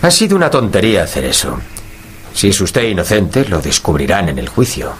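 A man acting in a radio drama as a kind, earnest gentleman doctor, polite and reassuring. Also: sits low, huge pitch swings, a little fast, a little hiss or hum. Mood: calming, firm. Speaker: voice actor.

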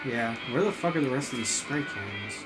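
A man's voice: mid-range voice, normal speed, over music. A man with a New York accent gaming on a stream and chatting casually, jokey and incredulous, swearing freely. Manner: jokey, incredulous, swears a lot, bursts into loud goofy yells. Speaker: gamer streaming. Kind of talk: casual chat during a game stream.

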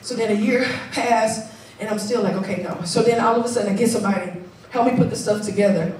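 Preaching a sermon on the stage of a large church sanctuary, a thirty-nine-year-old woman holds a handheld mic and starts chatty and playful before building to shouts. Her voice is medium-pitched and fast. The hall is echoey and the mic distant, with the congregation calling back in response.

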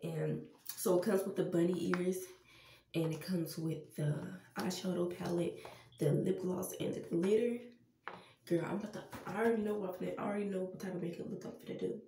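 Speaking briskly in a warm, lowish voice with fairly even intonation, a young woman with a blocked nose vlogs casually as she gets ready. There's a little hiss or hum on the track. It's a chatty Halloween makeup video where she calls her viewers y'all, filmed in a small tiled bathroom on a camera standing a few feet away, with echo from the room.

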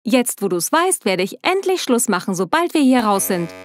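A woman voicing a teenage girl who speaks softly and gently in a storybook tale. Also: fairly high pitch, normal speed. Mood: confiding. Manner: soft, calming. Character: teenage girl Lena, shy then apologetic.

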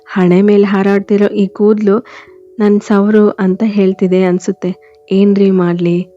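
An excitable young wife with a mock-angry streak, read by a woman storyteller in a mellow, even voice. The recording is dull and lo-fi with faint music underneath. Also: medium pitch, unhurried, close to an everyday voice.

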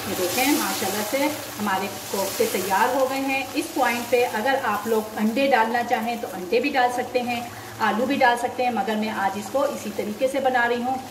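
A woman with a fairly high voice runs a home cooking lesson, patiently explaining each step and adding tips. She stands back from the mic in an echoey kitchen. Loud frying and sizzling fill the background. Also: steady tone, normal speed, recorded from a distance, noisy background. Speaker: cooking channel host.

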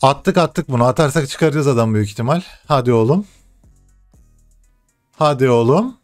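A young man commentating his own football video game live, excitable, shouting and swearing at the game over background game music. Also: mid-range voice, normal speed. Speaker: gaming streamer.

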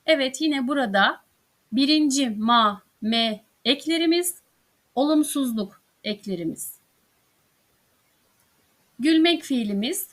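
A woman teaching grammar, working through verb conjugations one by one with careful, deliberate articulation. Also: high-pitched, animated, fairly bright tone. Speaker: Turkish language teacher. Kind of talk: slow, careful grammar drill reading.

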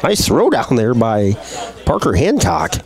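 Lively baseball play-by-play man. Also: medium pitch, a little slow, a crowd in the background. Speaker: play-by-play announcer. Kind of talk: live baseball commentary.

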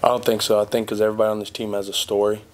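A young man, a college basketball player, giving measured, steady answers at a postgame press conference, seated at a table mic. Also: fairly low pitch. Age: young adult. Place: press conference room in front of a backdrop.

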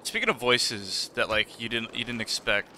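A man's voice: medium pitch, lively intonation, normal speed, sharp tone, slight background noise. A young man co-hosting a podcast in casual chat, rambling and laughing often, with casual swearing. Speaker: podcast co-host.

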